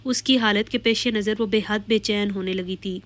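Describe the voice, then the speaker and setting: A woman reading a romance novel aloud in a steady, expressive storytelling voice. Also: mid-range voice. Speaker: audiobook narrator. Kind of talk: scripted novel narration.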